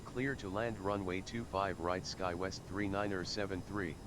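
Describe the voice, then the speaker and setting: A man's voice: low voice, fairly even intonation, normal speed, background noise. A man reading back radio calls like a pilot over a cockpit headset, in clipped aviation phrasing.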